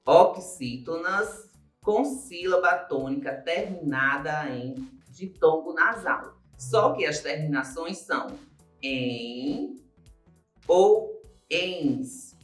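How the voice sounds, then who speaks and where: A man with a Brazilian Portuguese accent, a Portuguese teacher giving a recorded grammar lesson. He explains slowly and step by step, repeats key points and stretches out the words he stresses. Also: fairly high pitch, animated, fairly bright tone. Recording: roomy echo with faint music behind.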